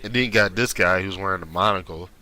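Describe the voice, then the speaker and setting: A man's voice: sits low, quick pace, sharp tone, low-quality recording. A man giving casual, rambling gameplay commentary in an informal, slangy, conversational way, as if chatting over his own footage. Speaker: gaming video creator doing commentary. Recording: clear background noise.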